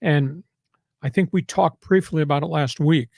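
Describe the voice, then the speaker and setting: An older man hosting a sports podcast in a fairly high voice, punching his points hard and sliding into preachy rants. The sound is close and dry, with almost no room in it. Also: moderate pace, creaky, a little mellow, no echo. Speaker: sports talk host. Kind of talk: casual sports talk.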